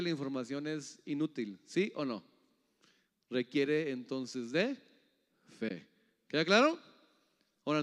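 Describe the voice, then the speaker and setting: A man preaching a sermon in a church hall. He keeps quizzing the congregation and swings from loud rising calls to soft, low asides. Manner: keeps asking the audience "yes or no?". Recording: long hall reverb.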